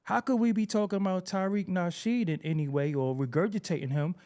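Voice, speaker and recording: A man's voice: high-pitched, a little fast, a little mellow. A man hosting a casual podcast, backing his guest with short affirmations and reading out chat comments. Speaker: podcast host.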